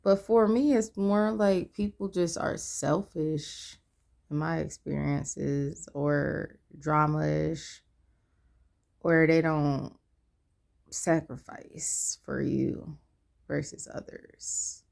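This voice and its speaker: A woman's voice: sits low, fairly even intonation, extremely slow, creaky, darkish tone. A tired woman in her twenties talking candidly in a personal vlog, rambling and losing her train of thought. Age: 20s. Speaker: vlogger.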